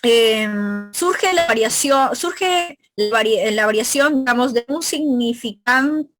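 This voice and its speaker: A woman's voice: on the high side, lively intonation, takes it slowly, a bit bright. A woman from Peru with a northern Peruvian Spanish accent, teaching a pre-university review class. She explains step by step and keeps checking in with her students. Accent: Peruvian Spanish, northern coast. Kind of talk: recorded review lecture.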